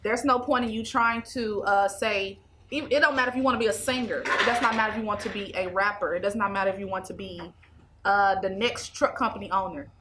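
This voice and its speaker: A woman's voice: medium pitch, fast talker, background noise. A woman, an interview guest speaking emphatically and repeating her points. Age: 20s. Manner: emphatic and preachy, repeats phrases. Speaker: interview guest, anger management specialist. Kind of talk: casual interview talk. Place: small indoor studio set.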